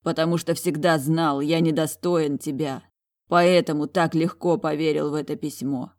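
A woman's voice: low voice, fairly even intonation, moderate pace, a little mellow, lightly acted. A woman voicing a proud young man who pleads earnestly for forgiveness, in storybook narration. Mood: pleading.

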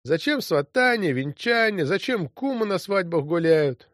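A man's voice: high-pitched, animated, measured pace, a bit bright, dry recording, voice pushed up. A mournful old cart driver asks his sorrowful questions, as a male narrator puts him on. He sounds musing and heavy-hearted. Dry, close recording.

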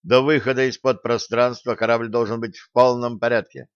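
A man voicing a gruff, sardonic male starship captain who gives bossy orders, in a dull lo-fi audiobook recording. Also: medium pitch, fairly even intonation, normal speed, dry recording, natural voice. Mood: stern mocking. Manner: bossy, grumbling.

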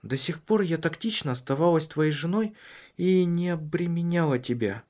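A man's voice: fairly high pitch, expressive, normal speed, darkish tone, voice pushed up, close to an everyday voice. Man doing a hurt, pleading young wife.

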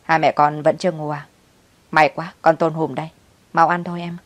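A cheerful young husband in a storybook, read by a woman, coaxing eagerly in her low voice. The sound is dry and close. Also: level tone, moderate pace, no room sound, close to an everyday voice.

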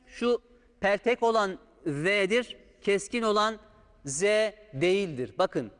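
A man's voice: high voice, animated, slow pace, a bit bright. A man teaching Quran recitation, patiently drawing out sounds to show the correct pronunciation. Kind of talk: step-by-step recitation lesson. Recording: long hall reverb.

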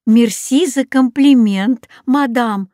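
A woman's voice: a little high, takes it slowly, mellow, dry recording, clean studio sound. A woman reading the lines of a kindly mother in a children's story.

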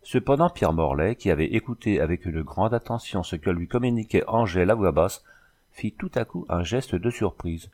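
A man narrating a novel aloud in a measured storytelling voice. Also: low voice, lively intonation, a little mellow. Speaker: audiobook reader. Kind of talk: scripted narration.

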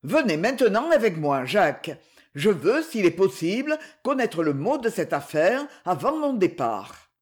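A man's voice: sits high, very animated, measured pace. A man reading a stern commanding chieftain. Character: commanding male leader of a camp, stern and resolute.

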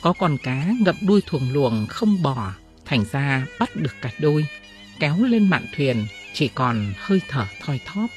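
A woman reading classic ghost tales aloud in an expressive, dramatic storytelling style. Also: sits low, measured pace, soft background music. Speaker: audiobook reader.

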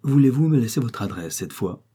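A man's voice: medium pitch, very animated, brisk, dark tone, breathy edge. A man doing a shrewd lace merchant. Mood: bargaining. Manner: courteous, bargaining tone. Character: shrewd male lace merchant, polite and calculating.

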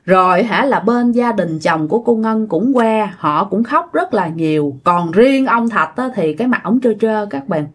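A woman's voice: mid-range voice, lively intonation, normal speed, hardly any pauses. Chatty woman storyteller. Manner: chatty, addresses listeners directly. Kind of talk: casual ghost-story narration.

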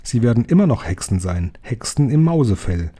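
A man's voice: mid-range voice, big pitch swings, warm tone. Man doing an eager young mouse-boy. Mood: worried. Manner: eager, quick questions.

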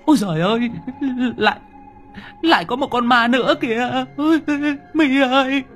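A man's voice: very high voice, normal speed, fairly bright tone, faint music behind, voice pushed up. A man voicing a frightened village boy who stammers and begs. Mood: terrified. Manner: stammering, pleading.

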